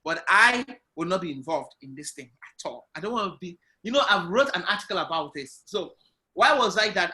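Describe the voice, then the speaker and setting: Heard through a video call of poor quality, a guest entrepreneur describes his path in business during an online interview. He speaks loudly and animatedly in a high, bright voice.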